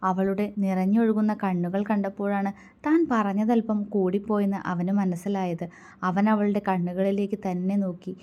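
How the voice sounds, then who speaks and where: A woman's voice: mid-range voice, level tone, moderate pace, dark tone, dull audio. Woman reading a romance story aloud. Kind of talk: storybook narration.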